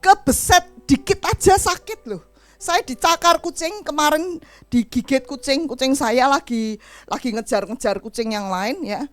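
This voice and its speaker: A middle-aged woman preaching a sermon in an animated storytelling way, acting out the voices of the people in her stories. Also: high voice, unhurried, no room sound, soft background music.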